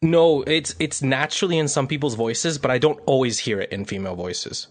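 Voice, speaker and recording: Male co-host, mid pitch, halting delivery full of fillers, dry sound. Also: no room sound. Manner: halting, searching for words, lots of fillers. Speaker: podcast co-host. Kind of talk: casual podcast chat.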